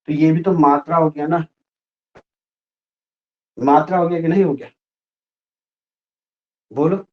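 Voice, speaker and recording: Guy teaching grammar, kinda high voice, playful, keeps quizzing the class, muffled lo-fi sound. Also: slow, pauses often. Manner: lively, playful, asks students questions often. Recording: muffled low-fidelity sound.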